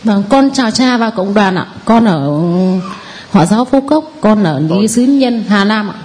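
A woman's voice: medium pitch, lively intonation, measured pace, a little mellow. A woman in her forties with a northern Vietnamese accent, giving a nervous, rambling, deferential testimony to a priest. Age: 40s. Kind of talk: spoken testimony.

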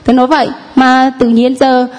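A woman's voice: high-pitched, level tone, brisk, darkish tone. A woman telling the priest and congregation about healings, speaking hesitantly with many fillers. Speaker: congregant giving testimony. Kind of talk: spoken testimony.

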